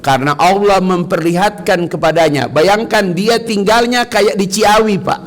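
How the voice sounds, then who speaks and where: Male preacher, mosque sermon, fairly high voice, swings from shouts to murmurs. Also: normal speed. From Indonesia. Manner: animated, bursts into shouted high-pitched quotes, drops to soft murmurs. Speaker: ustaz preaching to a congregation. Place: mosque hall.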